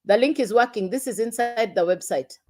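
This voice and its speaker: A woman hosts a casual livestream pitch for an online business. She talks straight to her viewers, repeating her points to coax them along. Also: brisk, a little mellow. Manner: repetitive, coaxing, addresses viewers directly.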